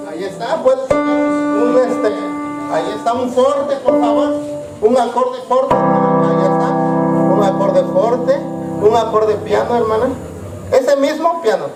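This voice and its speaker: A high-pitched man teaches music to a church group, halting and full of fillers. He is heard from some distance in an echoey church hall, with clear instrument sounds behind him. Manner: halting, many fillers, addresses listeners as brothers. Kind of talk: live teaching in a congregation.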